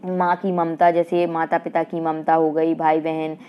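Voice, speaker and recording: Woman, Madhya Pradesh Hindi accent, exam-prep teacher, low flat voice, dull lo-fi audio. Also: clear, resonant tone. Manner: rhetorical questions answered herself, filler "ठीक है"; slow sing-song recitation of verse lines. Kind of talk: exam-prep grammar lesson. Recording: dull lo-fi online class audio.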